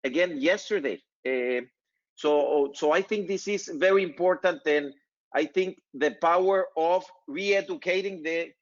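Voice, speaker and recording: Man in his fifties, slightly high voice, measured with fillers, dull lo-fi sound. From northern Mexico. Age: 50s. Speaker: company CEO and host. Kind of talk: casual panel chat.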